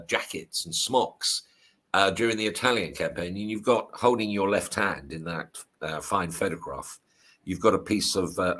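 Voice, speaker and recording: An older man hosting an online history show, chatting in a relaxed way with fillers as he introduces his guest. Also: low-pitched. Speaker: show host. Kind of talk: hosting a video call interview.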